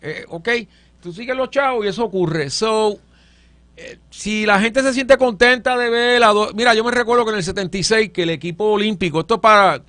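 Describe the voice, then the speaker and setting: A man's voice: high-pitched, brisk, bright, forceful tone, no echo. A middle-aged man, a panelist telling anecdotes with wry, joking asides. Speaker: political panelist. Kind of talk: political panel discussion.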